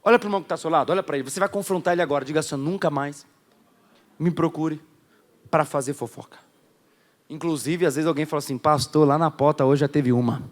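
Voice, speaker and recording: A man preaching a sermon to a church congregation, swinging between loud emphatic bursts and quiet, close asides. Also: fairly high pitch, very fast, few pauses. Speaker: pastor. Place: church hall before a congregation.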